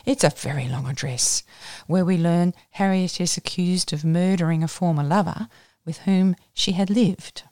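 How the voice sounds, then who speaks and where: A woman with a broad Australian accent reads a novel aloud, stopping to sum up the plot in plain, unfussy words. Her voice sits on the low side and the recording is dry and close, with no room sound. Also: normal speed, hardly any pauses, a little mellow, no room sound. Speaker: reader. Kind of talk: reading a novel aloud with chatty summaries.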